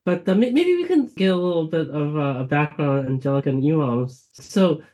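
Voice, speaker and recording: A man's voice: a little high, animated, fairly quick, mellow, low-quality recording. A man co-hosting a science show with casual, jokey, easygoing chat and questions. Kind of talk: casual, joking interview chat.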